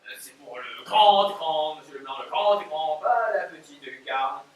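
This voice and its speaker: A man's voice: fairly high pitch, animated, moderate pace, lightly acted. An actor playing a naive, clumsy, eager man in a stage play, hesitant and easily confused, recorded from far off in a very roomy theatre. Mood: bluffing. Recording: very roomy stage audio from far off, faint noise.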